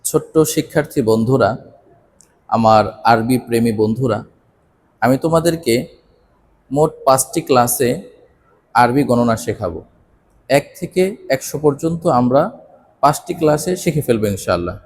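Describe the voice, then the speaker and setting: A man teaching a children's lesson, speaking clearly and drawing out each word slowly for the listeners to repeat. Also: mid-range voice, lively intonation. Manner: slow, drawn-out call-and-repeat counting. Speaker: Arabic teacher.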